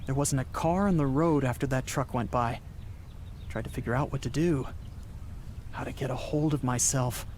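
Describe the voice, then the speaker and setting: A man with a medium-pitched, darkish voice lightly acts the role of a young cross-country driver, haunted, desperate and coming apart, narrating in first person for a radio drama. Earnest and halting, he stammers when agitated, and the mood is grim. The recording carries a little hiss or hum, with dramatic music and car sounds behind him.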